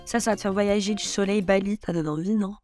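A woman's voice: medium pitch, fairly even intonation, fast, darkish tone, soft background music, voice pushed down, natural voice. A young woman reading out a food menu in a teasing, playful way, recorded from some distance.

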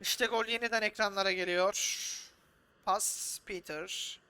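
A man commentating his own football video game session in a casual, excitable way, swearing freely, arguing with his players and calling the action like a match announcer. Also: high voice, unhurried, clear, resonant tone. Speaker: gaming YouTuber.

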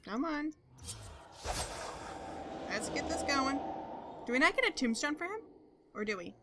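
A young woman giving casual commentary over her gameplay, chatting to viewers and talking to the game characters, with excitable outbursts. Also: high voice, measured pace, noisy background. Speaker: gaming video host.

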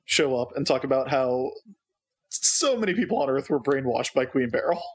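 Male podcast co-host, husky tone, chatty and digressive. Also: mid-range voice, lively intonation, normal speed. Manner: chatty, digressive, laughs often. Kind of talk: casual chat.

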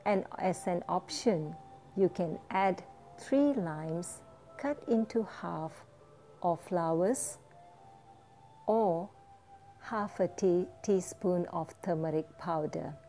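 A woman teaching a guided foot-soak meditation, giving gentle step-by-step instructions. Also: lowish voice, takes it slowly, soft background music.

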